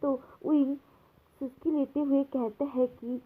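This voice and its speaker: High-voiced female storyteller with a casual, chatty read, recorded on thin phone-line audio. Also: steady tone, a little slow. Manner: casual storytelling mixing Hindi and English, with fillers. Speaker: fanfiction narrator. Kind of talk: storytelling reading of fan fiction.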